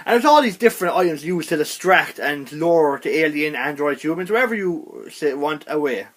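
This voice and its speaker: A young man giving a casual spoken video game review, rambling and animated, with frequent restarts. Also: a little high, normal speed.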